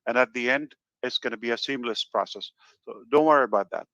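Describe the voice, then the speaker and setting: A man hosting a webinar over a video call, talking in a reassuring, halting way with many fillers. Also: mid-range voice, pushed and bright, no room sound, highs cut off. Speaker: webinar host. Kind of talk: casual webinar talk.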